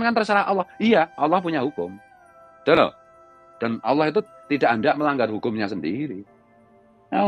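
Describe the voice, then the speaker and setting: A middle-aged man with a Javanese accent, a religious commentator who delivers a heated monologue, scolding in a loud, raised voice. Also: mid-range voice, lo-fi sound.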